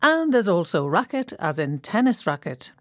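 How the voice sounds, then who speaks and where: A woman presenting a scripted language lesson, speaking clearly and spelling words out letter by letter. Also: on the low side, very animated, moderate pace, dry recording, studio quality.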